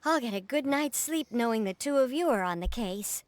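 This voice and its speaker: A woman's voice: on the high side, lively intonation, moderate pace, no room sound, lightly acted. A woman voicing a fussy, self-important female fishing guild representative in a video game, who dithers and keeps repeating her title.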